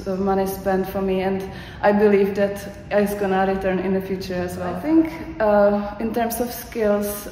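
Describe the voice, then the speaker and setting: Hesitating often, with fillers and false starts, a young Czech woman gives an unscripted testimonial about the course she completed. Her mid-range voice is dark, carrying her Czech accent. She's recorded in an echoey hall with faint ambience and a little hiss or hum.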